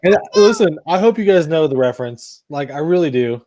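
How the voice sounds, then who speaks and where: A man's voice: a little high, expressive, brisk, mellow, no room sound. A man from Florida hosting a podcast, chatting casually and joking with movie quotes. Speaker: podcast host. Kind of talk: casual chat.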